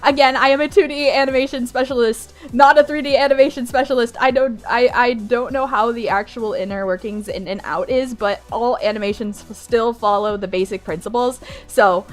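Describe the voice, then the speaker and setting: A young woman streaming live, with a high, bright-toned voice that is still groggy from just waking up. She chats in a bubbly, giggly way and loops her phrases. Soft music plays faintly behind her. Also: steady tone, brisk, few pauses. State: groggy morning voice, just woke up. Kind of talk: casual live-stream chat.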